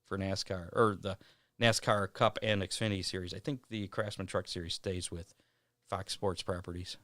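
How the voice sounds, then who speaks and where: A man hosting a racing show, reading event schedules in a casual way with many "uh" pauses. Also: deep voice, fairly even intonation, fairly bright tone, no echo, clean studio sound. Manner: reads schedules with frequent "uh" pauses. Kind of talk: casual racing news rundown.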